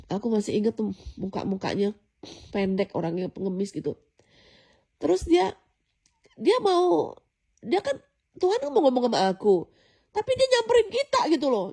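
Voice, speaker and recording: Woman vlogger, rambling testimony, gravelly and dark-toned, a touch higher pitched. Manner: rambling, repeats phrases, frequent fillers and restarts. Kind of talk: casual spoken testimony addressed to viewers.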